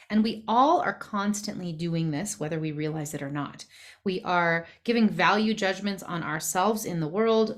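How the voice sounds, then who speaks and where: A woman coach giving a thoughtful, explanatory presentation with frequent fillers. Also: fairly low pitch. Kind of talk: presentation talk.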